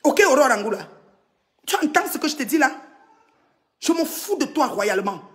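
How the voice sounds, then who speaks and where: A Cameroonian woman rants angrily on social media, scolding and mocking as she swings between loud outbursts and low mutters. She is very animated and keeps a moderate pace.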